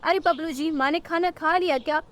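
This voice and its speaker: A woman's voice: very high-pitched, a little fast, pitched above the performer's own voice. A woman voicing a meek young female bird, a dutiful wife who speaks politely and pleads, in a cartoon story. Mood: pleading. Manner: polite, pleading, eager to please.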